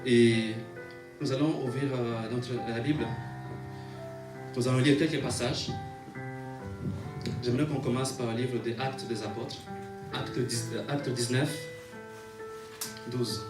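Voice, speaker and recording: This sermon with scripture comes from a male preacher whose medium-pitched voice holds a steady tone, captured far off in a reverberant room with music plainly playing underneath. His reading is halting, and he circles back to restate phrases rhythmically, peppering them with calls for amens.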